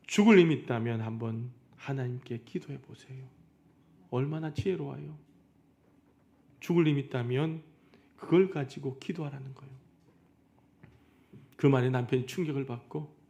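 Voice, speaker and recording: A man's voice: mid-range voice, vocal fry, warm tone. A male pastor preaching a Sunday sermon, telling a story to his congregation and acting out the quoted dialogue. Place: church sanctuary.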